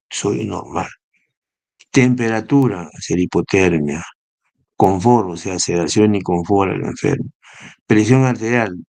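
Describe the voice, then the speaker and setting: Gravelly low-voiced man teaching medicine. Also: a little mellow, no echo. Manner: explanatory, spells out acronyms, asks rhetorical "¿no?". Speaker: neurosurgery lecturer. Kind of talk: recorded medical lecture.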